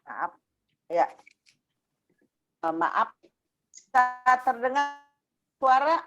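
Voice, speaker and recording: A woman's voice: a little high, sing-song, drawn-out words, a bit bright, muffled recording. A woman in an online meeting whose audio keeps breaking up over a bad connection, talking hesitantly with many fillers. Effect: choppy audio breaking up over a bad connection. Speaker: meeting participant. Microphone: video call. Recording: noisy video call line that keeps cutting out.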